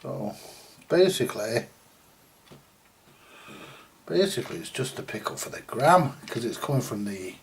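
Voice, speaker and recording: Presenting a video, this vintage radio repairer is a British man with a medium, creaky voice whose pitch swings widely. He goes a little slowly, leaving long pauses as he mutters and grumbles mildly through casual, colloquial repair commentary. A little hiss or hum sits underneath.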